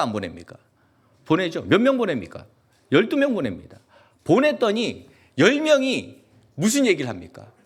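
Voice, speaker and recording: A male pastor with a Gyeongsang accent, preaching a lively sermon and asking the congregation question after question. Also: on the high side, husky. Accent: Gyeongsang Korean. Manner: animated, asks the congregation many questions; acts out quoted voices in dialect. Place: church sanctuary.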